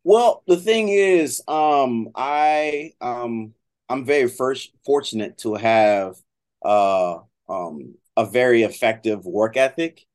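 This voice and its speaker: Speaking slowly in a slightly mellow, medium-pitched voice, this middle-aged trombone professor from Miami chats as an interview guest. His American-accented talk is conversational, and he tends to repeat and rephrase as he goes.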